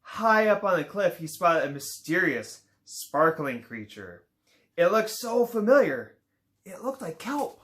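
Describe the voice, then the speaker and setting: A man reads a children's picture book aloud in an unhurried, informal way, his pitch rising and falling widely as he tells the story. He's relaxed, occasionally stumbles, and tosses in playful asides.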